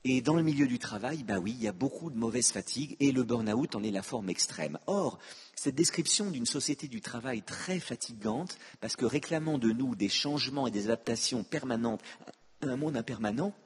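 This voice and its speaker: A man's voice: medium pitch, expressive, moderate pace, slightly rough. An older man giving a public lecture, with witty, self-mocking asides to the audience. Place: conference hall. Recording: long hall reverb.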